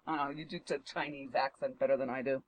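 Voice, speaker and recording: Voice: mid-range voice, level tone, quick pace, dry recording, muffled recording. Teasing talk radio co-host. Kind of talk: casual talk radio banter.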